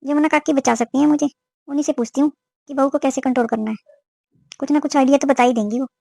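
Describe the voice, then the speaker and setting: Woman voicing a sharp-tongued mother-in-law. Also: high voice, steady tone, fast talker, creaky, no room sound. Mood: worried. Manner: scolding, complaining. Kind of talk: cartoon voice acting.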